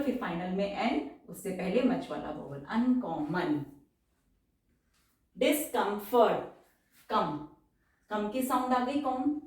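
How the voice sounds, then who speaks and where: A woman teaching a shorthand lesson, explaining each stroke step by step and repeating each word slowly to dictate it. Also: medium pitch, darkish tone. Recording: distant, very echoey room.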